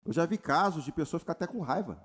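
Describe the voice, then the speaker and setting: A man's voice: quick pace, husky. A Brazilian man preaching a sermon as pastor, calling on the congregation for responses and mimicking people's prayers. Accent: Brazilian Portuguese. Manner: animated preaching, mimics congregants in high voices, asks crowd for response. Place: church retreat service.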